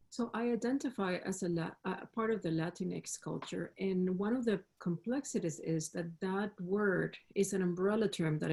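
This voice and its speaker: A woman from Colombia speaking earnestly as a panelist on a video call, measured and thoughtful. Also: medium pitch, dark tone.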